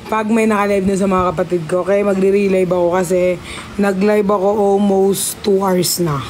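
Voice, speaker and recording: A man's voice: high voice, flat delivery, normal speed, darkish tone, a little hiss or hum. A man hosting a casual livestream, signing off with playful, teasing goodbyes to his viewers. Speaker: livestream host.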